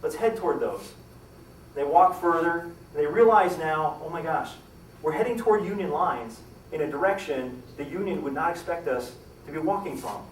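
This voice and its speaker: Brief: male storyteller, slightly high voice, dramatic, acts out lines, distant mic in a roomy hall. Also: lively intonation, moderate pace, slight background noise. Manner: dramatic, acts out quoted lines with rising pitch and volume. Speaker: historical storyteller giving a talk. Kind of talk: live storytelling to an audience. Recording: echoey room, distant mic, faint ambience.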